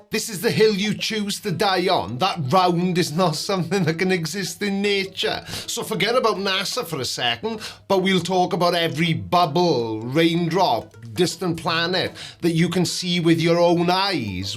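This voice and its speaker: Male commentator, high voice, sarcastic and mocking debunk style, light music underneath. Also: a bit bright. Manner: sarcastic, mocking, dry asides. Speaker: host of a debunking video.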